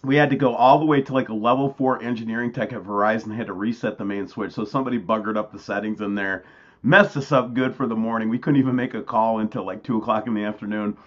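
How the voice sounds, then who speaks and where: A man's voice: fairly low pitch, steady tone, fast. A man hosting his own channel, talking loosely and casually to viewers about pictures, calling them man and guys. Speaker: channel host. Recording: dull lo-fi sound.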